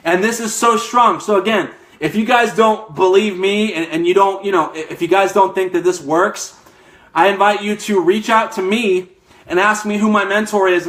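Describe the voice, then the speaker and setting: A man's voice: high-pitched, fairly bright tone. A young man giving a fired-up motivational talk as a network marketing coach, emphatic and a little out of breath, often tagging lines with "okay?". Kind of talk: motivational live stream talk.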